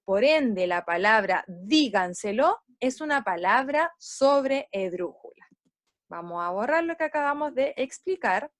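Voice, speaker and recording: A woman teaching young children, explaining step by step and drawing out syllables slowly as she models words. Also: mid-range voice, no room sound. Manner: slow, stressed syllables when modeling words. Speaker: primary school teacher.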